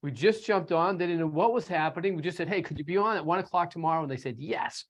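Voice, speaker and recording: A man's voice: a little high, fast talker. A man hosting a podcast interview, loose and chatty with plenty of fillers. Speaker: podcast host.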